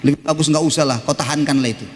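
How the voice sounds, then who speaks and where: A male pastor preaching an animated Sunday sermon, emphatic, breaking into shouted exclamations and humor, in a church hall. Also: on the high side, very fast. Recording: reverberant hall with faint background noise.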